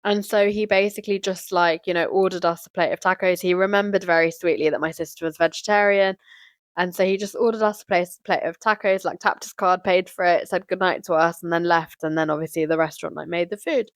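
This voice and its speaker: A woman's voice: fairly low pitch, fairly even intonation, a little fast, no room sound, studio quality. A young woman hosts a live session and tells a personal story in a casual, chatty way, full of "like" and "you know". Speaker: host of a live community session.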